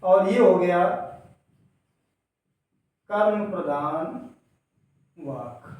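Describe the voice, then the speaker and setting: A male teacher with a high, slightly mellow voice draws out his words as he walks students through a grammar lesson step by step, often posing a question and answering it himself. He speaks to the students directly. The recording is distant, with his voice away from the mic in an echoey room.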